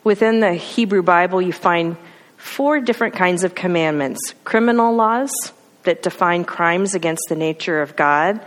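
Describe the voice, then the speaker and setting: A woman preaches a sermon in a long, ringing hall. Her voice sits a little low, and she builds her points through emphatic lists and questions to the listeners.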